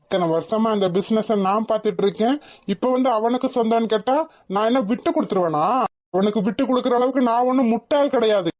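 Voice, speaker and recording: A woman's voice: a little high, fast talker, darkish tone, close to an everyday voice. A woman voicing a scheming, boastful, wealthy middle-aged father in a cartoon. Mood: smug. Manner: boastful, dismissive. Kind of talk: animated cartoon voice acting.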